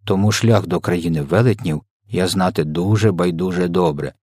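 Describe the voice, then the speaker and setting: BFG, a gentle giant, as a man puts him on. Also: low voice, husky, no echo, clean studio sound. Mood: good-natured. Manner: slow, muddled, garbled speech. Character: kindly huge old male giant, mangles words. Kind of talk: storybook character voice.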